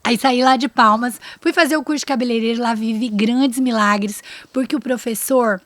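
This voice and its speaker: Lively high-voiced Brazilian woman storyteller. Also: moderate pace, dry recording. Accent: Brazilian Portuguese. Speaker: podcast guest. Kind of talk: personal testimony storytelling.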